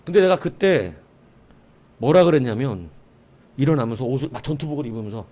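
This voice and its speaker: Animated middle-aged male pastor. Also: medium pitch, a little fast. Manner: animated storytelling with sound effects and asides to the congregation. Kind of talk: sermon.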